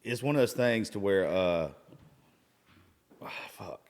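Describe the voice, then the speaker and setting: A man's voice: fairly low pitch, lively intonation, slow, a little mellow. A hungover man in his thirties hosting a casual podcast chat, rambling, gushing and swearing freely. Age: 30s. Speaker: podcast host. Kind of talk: casual chat, profanity-laden. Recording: reverberant room.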